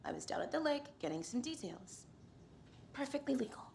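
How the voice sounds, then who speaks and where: A woman's voice: sits high, sing-song, brisk, gravelly, darkish tone, heavily acted. A woman playing a brash, sardonic writer in a video game. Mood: wry, defensive. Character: brash, sardonic female true-crime writer. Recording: faint background ambience noise.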